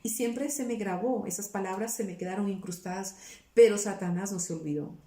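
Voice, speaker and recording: Earnest woman pastor with a mellow voice. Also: mid-range voice, fairly quick, reverberant. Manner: earnest, searches for words with many restarts. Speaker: pastor giving her testimony as interview guest. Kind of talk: personal testimony in a casual interview.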